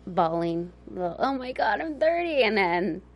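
A woman in her thirties co-hosting a TV recap chat, talking in a lively, expressive way. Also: medium pitch, normal speed, dull audio. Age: 30s. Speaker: co-host.

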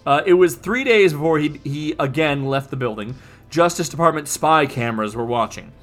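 Male co-host, casual conversational storyteller, pitch a little above average. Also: animated, moderate pace, faint music behind. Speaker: podcast co-host. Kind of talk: casual chat recapping a comic.

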